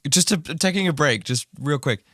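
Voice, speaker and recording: Theatrical man with lively swings in tone. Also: a little high, normal speed, husky, no room sound. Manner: theatrical, swings between hushed and loud outbursts. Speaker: YouTuber. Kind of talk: casual video commentary. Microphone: close-up camera mic.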